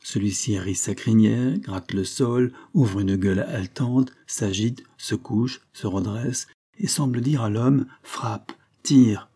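A man narrating a story as a scripted audiobook reading, with a measured storytelling cadence. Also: fairly low pitch, warm tone.

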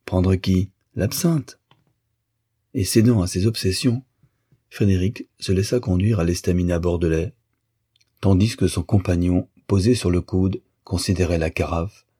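A man reading a literary novel aloud as an audiobook narrator, in a measured, even way. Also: sits low, breathy edge.

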